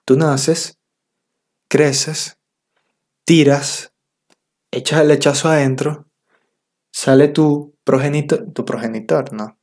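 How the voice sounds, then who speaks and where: A man's voice: fairly high pitch, fairly even intonation, takes it slowly, long pauses, a little mellow. A young man from Venezuela with a Venezuelan accent, talking to the camera in a casual, slangy, self-mocking comic monologue. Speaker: vlogger.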